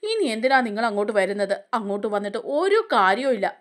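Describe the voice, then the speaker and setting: A woman's voice: mid-range voice, big pitch swings, quick pace, voice pushed down, natural voice. A woman voicing a scheming middle-aged uncle who insistently waves off the family's plans.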